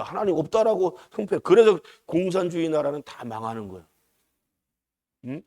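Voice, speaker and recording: A man's voice: mid-range voice, warm tone. A male pastor preaching at an early-morning service, emphatic and rising and falling, often calling out to the congregation for a response. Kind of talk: dawn service sermon.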